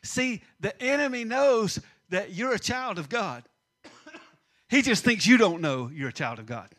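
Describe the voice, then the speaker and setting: A middle-aged man preaching a sermon, swinging between loud emphasis and hushed asides. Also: high voice, lively intonation, measured pace. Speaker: pastor.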